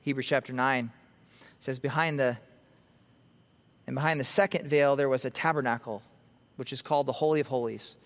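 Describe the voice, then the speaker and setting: A man preaching an expository sermon from the pulpit, swelling with emphasis and dropping quiet at the ends of phrases. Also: medium pitch, fairly even intonation, moderate pace, long pauses, long reverb tail. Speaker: pastor. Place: church sanctuary.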